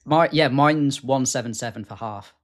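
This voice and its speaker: A man's voice: medium pitch, moderate pace. A British man chatting as a fitness coach in a mid-range voice. He is laid-back and jokes easily. He talks casually about food. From United Kingdom. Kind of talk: casual chat.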